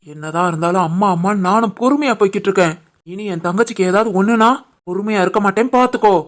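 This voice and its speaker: A woman voicing an earnest, soft-hearted young husband and son in an animated family drama, with a Tirunelveli Tamil accent. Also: mid-range voice, fast talker, close to an everyday voice. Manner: earnest, pleading.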